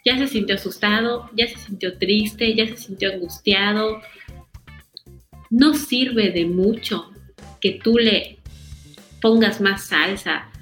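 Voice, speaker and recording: A woman, a parenting guest expert, explains calmly. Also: mid-range voice, slow pace, pauses often, roomy sound, faint music behind. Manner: explains calmly, acts out scolding parents in a raised voice. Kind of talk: conversational podcast interview.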